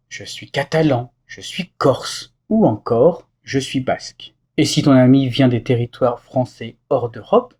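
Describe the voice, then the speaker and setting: A man narrating a scripted French lesson, explaining vocabulary with clear example phrases. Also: mid-range voice, darkish tone. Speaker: French teacher.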